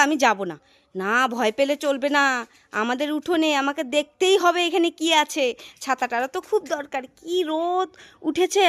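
High-voiced woman, scolding mother. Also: no echo. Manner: animated, scolding and narrating to herself. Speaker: mother in a family comedy skit. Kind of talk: scripted comedy skit. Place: outdoors in a yard.

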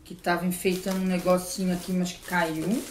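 A woman's voice: on the low side, flat delivery, fairly quick, reverberant, a little hiss or hum. A woman from Brazil, chatting casually and gushing as she opens mail at home. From southern Brazil. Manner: gushing, exclamatory, playful. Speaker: vlogger opening mail. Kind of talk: casual unboxing chat.

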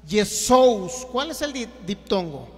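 A man's voice: sits high, moderate pace, big-room sound. A man preaching a Bible teaching, emphatic and repetitive, often putting rhetorical questions to his listeners.

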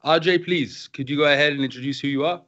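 A man in his thirties hosting an online question session over a video call, relaxed and friendly as he introduces guests and reads questions. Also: a little high, fast talker. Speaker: host and company CEO. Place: indoor room with a virtual space background. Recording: dull lo-fi video call audio.

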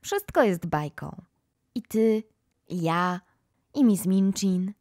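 Imaginative little girl, playful storyteller, woman reader, mid-pitched. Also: lively intonation, slow pace, darkish tone, dry recording, clean studio sound. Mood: dramatic. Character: imaginative, kind young girl. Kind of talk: audiobook reading.

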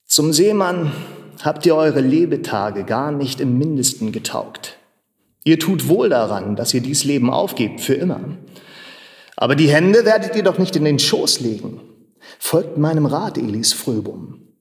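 Man voicing a stern old miner, persuasive, indignant, fairly high voice, echoing workshop hall. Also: animated, a little slow. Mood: urging. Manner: urging, grave, at times angry. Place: large machine workshop hall in a theater. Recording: long reverb of a large hall.

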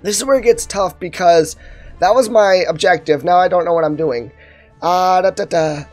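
A man's voice: high-pitched, normal speed, faint music behind. A young man doing casual let's-play commentary, thinking aloud and muttering asides to himself. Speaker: gaming video host.

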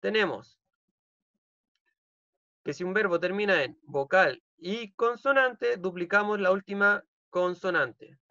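A man's voice: sits high, slow pace, pushed and bright, no echo. Man, Chilean accent, bilingual teacher, dry dull video-call sound, patient step-by-step explaining. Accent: Chilean Spanish. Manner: explains each rule in English then repeats it in Spanish, checking with "ok?". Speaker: English teacher. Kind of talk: bilingual online class. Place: home. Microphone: computer mic on a video call.

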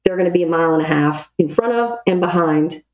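Guesting on a podcast, this retired Navy air traffic control officer, a middle-aged woman, walks through procedures plainly, much as a retired military officer would. She speaks quickly in a fairly low voice, with crowd noise present and an echoey, roomy sound to the recording.

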